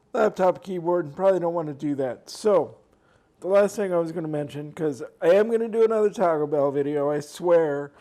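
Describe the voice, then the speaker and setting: A man's voice: a little high, mellow. A man eating on camera and chatting at home, rambling with lots of fillers and restarts. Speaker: mukbang vlogger. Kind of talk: casual chat while eating. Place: home, at a desk by a laptop.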